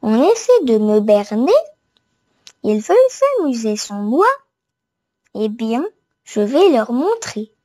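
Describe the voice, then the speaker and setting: A mischievous, boastful rabbit from a picture book read to a toddler, voiced by a woman. He is grumpy and rude, with a high, mellow voice and unhurried delivery. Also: sing-song, dry recording, clean studio sound, exaggerated voice. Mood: suspicious.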